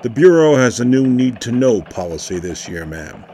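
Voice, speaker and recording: A man's voice: medium pitch, very animated, normal speed, warm tone, slight background noise. A man voicing a tight-lipped male elf security agent who answers in clipped, formal replies. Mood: curt.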